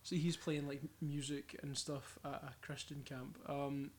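A man's voice: fairly high pitch, flat delivery, measured pace. A man, a musician guest chatting informally and with some swearing on a podcast. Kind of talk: casual podcast chat.

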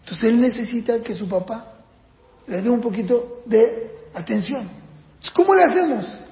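Man, parenting lecture, high-pitched, gravelly, quizzing the audience, long echoing hall reverb. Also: expressive, normal speed, darkish tone. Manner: asks the audience questions and acts out children and parents in raised voices. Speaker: parenting teacher. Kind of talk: lecture on child rearing.

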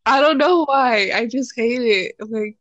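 A woman's voice: a little high, unhurried, a bit bright, dull audio. A young woman co-hosting a casual chat, blunt and teasing. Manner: blunt, teasing, frequent "like" fillers. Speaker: podcast co-host.

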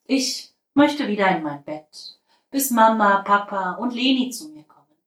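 A woman's voice: medium pitch, animated, unhurried, a bit bright, roomy sound. A woman voicing a stubborn, curious five-year-old girl in a storybook, in a raised childlike voice. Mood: wistful.

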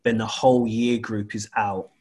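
A man's voice: lowish voice, little pitch movement, normal speed, darkish tone, husky. A man chatting casually in an exasperated way, repeating his points for emphasis. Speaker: school or college staff member. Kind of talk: casual chat.

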